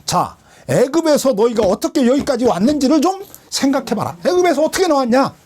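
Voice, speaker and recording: A man's voice: very high-pitched, sing-song, a little fast, pitched above the performer's own voice, exaggerated voice. A man preaching who voices an elderly prophet urging a frightened people not to fear. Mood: urgent scolding. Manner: exhorting, scolding, rising to shouts.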